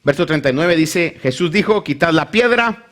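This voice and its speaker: With a somewhat high voice at a moderate pace, this man preaches as a pastor, reading scripture and bringing the story's people to life by acting out their voices with lively energy.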